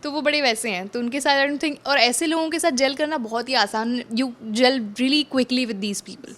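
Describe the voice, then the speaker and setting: Chatty young woman, fairly high voice. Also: measured pace, fairly bright tone. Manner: chatty, mixes English into her talk, many restarts. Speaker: actress guest. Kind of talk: casual interview chat.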